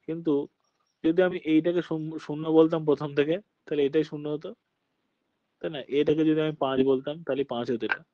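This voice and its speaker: A man's voice: fairly high pitch, steady tone, moderate pace, no echo, muffled recording. A male teacher from Birbhum giving a patient classroom lecture, often checking that his students follow. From Birbhum, West Bengal.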